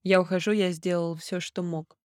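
A native Russian woman speaks with a clear Russian accent as she presents a short language lesson for a podcast. Her voice sits fairly low, and the recording is dry, with very little room around it. She explains phrases in the way of a teacher. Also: fairly even intonation, fairly quick, no room sound.

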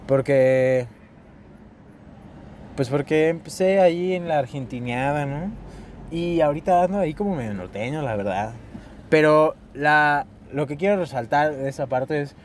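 A slangy Mexican man riffs in a casual vlog monologue, his voice sitting a bit high for a man. He swears freely and gets worked up fast. It is recorded inside a moving car, with clear road and engine noise underneath. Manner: profane, excitable, slangy. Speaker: vlogger. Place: inside a car while driving.

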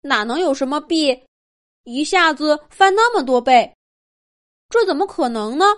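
A woman's voice: high-pitched, expressive, measured pace, voice pushed up. A woman voicing a young mouse who protests and questions his parents in a children's story. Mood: indignant.

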